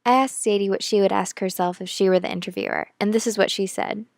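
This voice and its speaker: A woman narrates a short student news feature in a clear, scripted read. She sets up the interview clips and links them together as the reporter. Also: medium pitch, fairly even intonation, quick pace, slight background noise.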